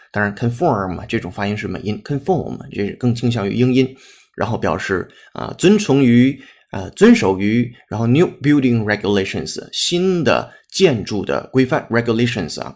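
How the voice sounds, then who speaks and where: A man's voice: lowish voice, lively intonation, moderate pace, a little mellow. Male language teacher, patient explanatory lesson delivery, spells and repeats words. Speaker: English teacher. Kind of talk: pronunciation lesson.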